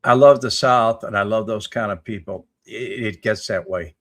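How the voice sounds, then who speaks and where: A man's voice: fairly low pitch, normal speed, fairly bright tone. A man in his seventies hosting a casual live chat, reading viewer comments aloud and answering them in a rambling, folksy way. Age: 70s. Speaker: livestream host answering chat.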